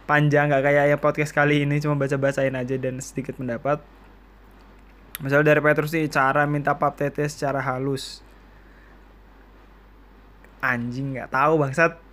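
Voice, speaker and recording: A man in his twenties from East Kalimantan, hosting a casual solo podcast and joking his way through stories and listener questions. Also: a little high. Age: 20s. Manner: chatty, joking, quotes people in lively voices. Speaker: podcast host.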